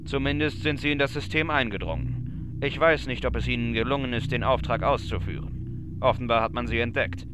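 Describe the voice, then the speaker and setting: An actor playing a dutiful but doubtful starship captain in a sci-fi audio drama, formal and deferential in a military way. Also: male voice, medium pitch, brisk, noisy background, natural voice. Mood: formal, reporting. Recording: loud music behind the voice.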